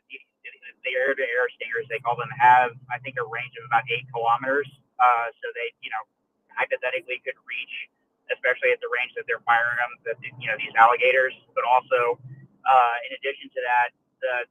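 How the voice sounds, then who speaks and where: A man's voice: medium pitch, sharp tone, poor audio. A man talking over a car speakerphone while driving, rambling with many uh and you know fillers and self-corrections in a casual chat. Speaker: listener speaking up on an audio chat panel. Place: inside a moving car. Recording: faint road hum from a moving car.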